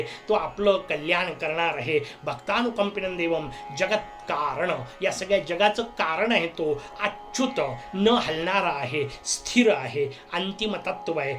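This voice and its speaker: A man's voice: high-pitched, fairly bright tone. A man giving a spiritual discourse, explaining with homely everyday examples and chanting verses. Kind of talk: religious discourse.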